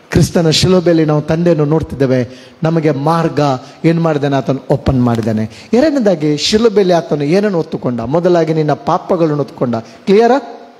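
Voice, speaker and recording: A man's voice: high voice, a little mellow. A man preaching a sermon, mixing in English words and asking his congregation questions. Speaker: pastor. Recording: long hall reverb.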